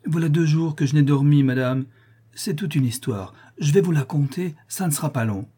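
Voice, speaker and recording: A man's voice: fairly high pitch, normal speed, dark tone, husky, voice pushed up. A man voicing Richard, a lazy, nonchalant young charmer, in a raised, airy voice. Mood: nonchalant gallant.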